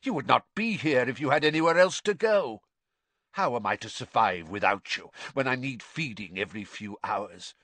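A man voicing a cold, menacing, frail dark lord in an audiobook, with a breathy, hissing, soft delivery full of contempt. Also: mid-range voice, lively intonation, moderate pace, no echo. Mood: contemptuous. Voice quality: breathy, hissing near-whisper.

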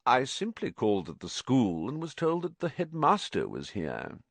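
A man voicing a smooth, sneering aristocratic villain in a story, with a lazy, condescending drawl and mocking politeness. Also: medium pitch, huge pitch swings, moderate pace, background noise, pitched above the performer's own voice.

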